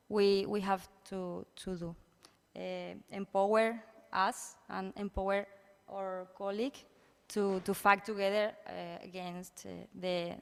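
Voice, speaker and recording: A woman with an Andalusian Spanish accent gives an informal conference talk in halting non-native English, searching for words. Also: mid-range voice, vocal fry, clean tone. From Andalusia, Spain. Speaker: university researcher speaking at a symposium. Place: conference room. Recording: echoey hall with long reverb.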